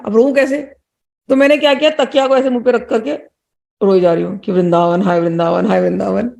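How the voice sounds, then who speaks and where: Middle-aged woman, devotional storyteller, earnest and emotional, gravelly and a bit high. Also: darkish tone. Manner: earnest, emotional, repeats words while telling. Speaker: devotee sharing a personal story.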